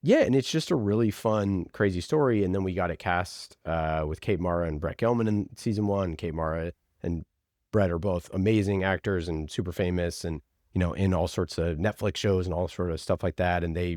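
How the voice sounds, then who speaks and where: The man speaks a little fast in a low, darkish voice, recorded cleanly in a studio without echo. He's an interviewed podcast producer swapping stories in an informal, enthusiastic manner, saying "like" a lot.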